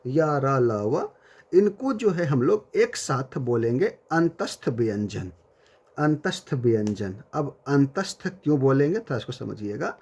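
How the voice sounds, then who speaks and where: A man teaching a Hindi grammar lecture to students, repeating key terms slowly and calling his listeners friends and dear children. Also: mid-range voice, very animated, creaky, darkish tone, husky.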